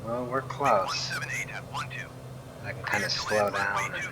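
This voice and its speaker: A man's voice: on the low side, slow. A man giving casual, rambling flight simulator commentary, thinking aloud as he plays. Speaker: flight simulator streamer and reviewer. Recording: clear engine drone and noise.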